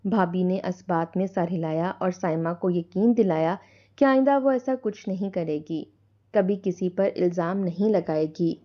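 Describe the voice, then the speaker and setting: A woman narrating a scripted dramatic story in a steady, even reading voice. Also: on the low side, lo-fi sound.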